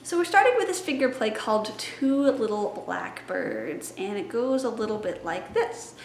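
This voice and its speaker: Very animated and moderately paced, this twenties-aged library science student plans a kids' story time in an upbeat, teacherly vlog chat. Her mid-range voice is creaky, the room echoes, and there's a little hiss or hum.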